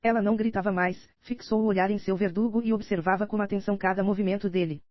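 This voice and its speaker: A woman with a Brazilian accent reading a novel as an audiobook narrator, even and steady. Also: medium pitch, fast talker, dry recording. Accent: Brazilian Portuguese. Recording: dry, slightly dull audiobook recording.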